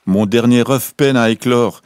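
A man's voice: mid-range voice, unhurried, a little mellow, clear, resonant tone, no room sound, clean studio sound, natural voice. Man voicing a fussy mother duck. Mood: fretful.

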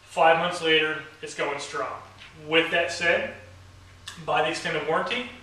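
A young man with a dry, wry sense of humor, the company's owner, shows off a product to the camera in his garage workshop. His voice is fairly high, bright and pushed, and a little slow. The camera mic picks him up from across the room, so he sounds distant in a very echoey garage.

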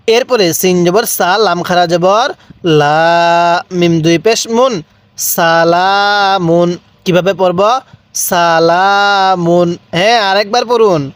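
In a high voice, a Bangladeshi Bengali-accented teacher leads a step-by-step Quran reading lesson. He spells the letters first, then draws each word out slowly for his students to echo.

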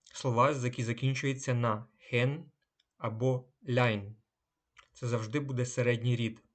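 Guy teaching a lesson real slow, says each example word carefully, average pitch. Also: steady tone. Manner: slow, drawn-out German example words. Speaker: language teacher. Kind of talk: unhurried lesson.

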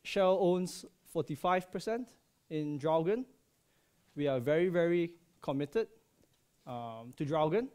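Speaking slowly into a headset, a man in his thirties from Malaysia presents at a conference in a big lecture hall. The subsea processing engineer is friendly and jokey, with plenty of ums and uhs. His high-side voice has lively intonation and a mellow, clean tone.

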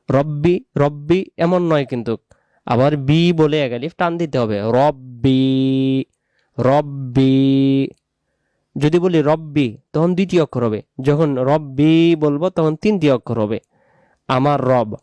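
A man from Bengal giving a prayer pronunciation lesson, slowly drawing out and repeating each word as he teaches. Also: medium pitch, warm tone, clean tone, no room sound. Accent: Bangladeshi Bengali. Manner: slow, drawn-out recitation of words. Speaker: religious teacher.

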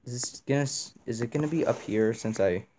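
A man's voice: medium pitch, a little fast, dark tone, a little hiss or hum. A young man playing a horror game, reacting nervously and swearing as he talks through it. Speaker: gamer.

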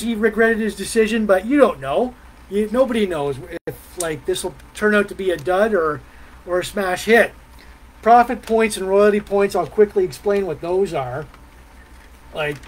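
High-voiced man rambling casually. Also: slight background noise, low-quality recording. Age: middle-aged. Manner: halting, meandering delivery with pauses and mm sounds. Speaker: host of a live music and beer review vlog. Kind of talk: casual rambling live chat. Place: small decorated room at home, indoors.

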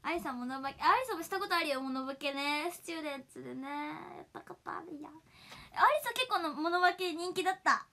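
Giggly high bright-voiced young woman. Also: fast talker. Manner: giggly, chatty, laughs often. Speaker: idol livestream host. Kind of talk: casual livestream chat, reading viewer comments.

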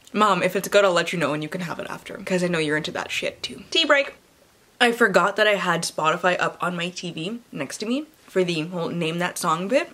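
A young adult woman who vlogs about books chats casually in a small home room lined with bookshelves, reading blurbs dramatically. Her lowish, bright voice is forceful, her delivery playful and theatrical with sarcastic asides.

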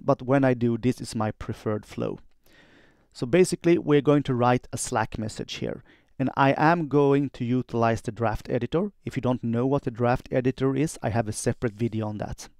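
A man dictating text and voice commands in short phrases as he demonstrates software. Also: medium pitch, dry recording, clean studio sound. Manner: dictating in short clipped phrases, speaking punctuation and commands aloud.

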